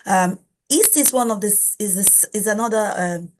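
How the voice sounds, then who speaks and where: A woman's voice: mid-range voice, normal speed, slight background noise. A Nigerian woman hosting a live-streamed interview, talking in a chatty, informal way and often restarting her sentences. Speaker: host.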